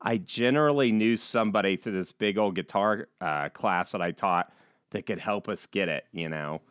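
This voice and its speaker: Podcast cohost guy, kinda low voice, laid back, dead dry sound. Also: moderate pace, a bit bright, clear, resonant tone, no room sound. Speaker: podcast co-host. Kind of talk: casual conversational podcast.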